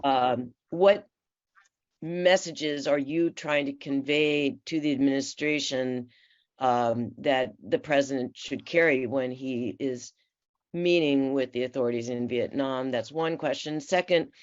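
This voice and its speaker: A woman from the San Francisco Bay Area who sits on a commission, questioning panelists at a formal hearing in a measured, polite way with frequent fillers. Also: extremely low pitch. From San Francisco Bay Area, USA. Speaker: commission member. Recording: muffled, slightly dull audio.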